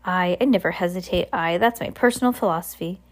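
A woman's voice: fairly low pitch, natural voice. A woman voicing a hyper, blustering male submarine captain in a children's storybook, rambling, exclaiming and contradicting themselves. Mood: boastful. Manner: rambling, self-contradicting, exclamatory rapid-fire talk. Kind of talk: children's storybook read aloud.

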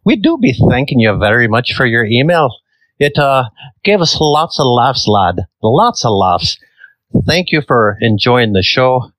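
A man's voice: mid-range voice, sing-song, unhurried, fairly bright tone, no echo. A man voicing a jolly Irish-accented sailor who calls everyone lads, on a podcast. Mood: hearty. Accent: put-on Irish. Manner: hearty, calls listeners lads. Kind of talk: podcast sign-off, comic voice.

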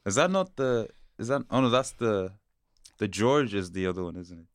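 A man's voice: fairly low pitch, expressive, moderate pace, no echo, studio quality. A young man hosting a casual group podcast in a teasing, slangy way. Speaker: podcast host.

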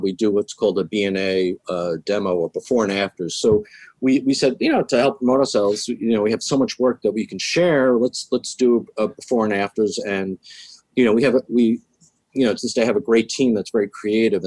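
A man's voice: lowish voice, a little mellow, no echo. A man talking as an interview guest, hesitant and leaning on lots of fillers. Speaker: guest, visual effects professional. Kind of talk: casual interview chat.

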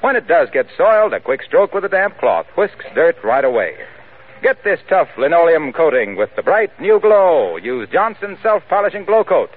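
High-pitched old-time radio announcer man. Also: sing-song, moderate pace. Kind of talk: 1940s radio announcer, scripted sponsor reads. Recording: thin narrowband vintage radio broadcast.

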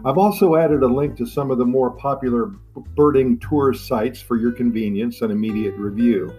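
A man's voice: mid-range voice, normal speed, mellow. A man narrating in a nature documentary style as a podcast host, with enthusiastic, promotional delivery. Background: plucked guitar music.

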